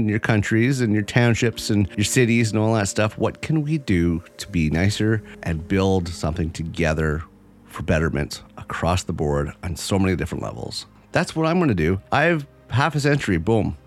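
50 yr old guy hosting his own podcast, lowish voice that swings up and down a lot, bit of music under it. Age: 50s. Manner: earnest, rambling, repeats phrases. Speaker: podcast host. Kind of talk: solo podcast monologue.

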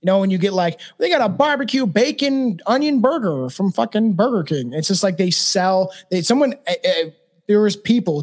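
A man in his thirties talks loosely on a podcast. His voice sits fairly high. He rambles, restarts sentences and swears often. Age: 30s. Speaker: podcast co-host. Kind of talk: casual podcast chat.

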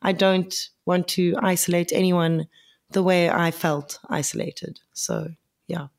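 A woman with a husky voice, a podcast guest talking frankly and laughing easily. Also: on the low side, fairly even intonation, unhurried, darkish tone. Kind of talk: casual interview chat.

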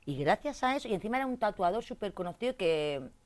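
Animated woman with coarse slang. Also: fast talker. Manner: animated, swings between loud outbursts and low asides. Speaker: interview guest, tattoo artist. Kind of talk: casual storytelling chat.

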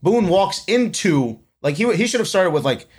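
Animated young guy arguing baseball. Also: high voice, normal speed, slightly rough. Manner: animated, profane, argumentative. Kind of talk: casual sports chat.

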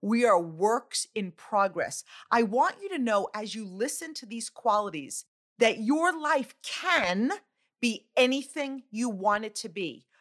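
A woman's voice: a little high, expressive, measured pace, a bit bright. A woman hosting a motivational talk, speaking in an emphatic, exhorting manner with short, repeated phrases. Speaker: host of a motivational coaching show. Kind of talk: motivational speech.

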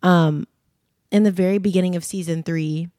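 A young woman chatting casually, talking fast with lots of fillers and giggles. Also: on the low side, steady tone, mellow, no echo, clean studio sound. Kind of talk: casual chat.

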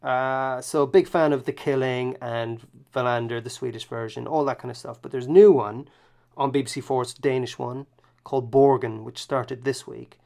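Gravelly-voiced man chatting casually. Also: mid-range voice, steady tone, normal speed, a little mellow. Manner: easygoing, chuckling, self-correcting. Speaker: podcast co-host. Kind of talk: casual chat about TV.

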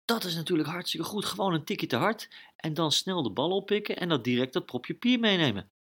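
Lucas, a man doing a high, eager sidekick. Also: animated, fairly quick, fairly bright tone, slightly rough. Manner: exclaiming, bewildered.

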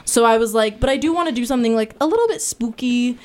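A woman's voice: fairly high pitch, fast, darkish tone. Chatty young woman hosting a podcast. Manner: chatty, lots of "like" fillers. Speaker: podcast host. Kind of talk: casual chat.

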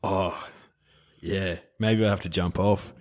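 A man's voice: sits low, steady tone, takes it slowly. An Australian man giving casual horse racing tips as a co-host, chatting like a tipster.

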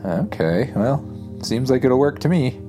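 A man's voice: medium pitch, lively intonation, unhurried, warm tone, soft background music, pitched above the performer's own voice, natural voice. A man voicing a casual, incredulous young child hero in a children's bedtime story.

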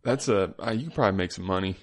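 A man co-hosting a podcast in casual chat, playful with deadpan absurd jokes. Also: deep voice, racing. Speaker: podcast co-host.

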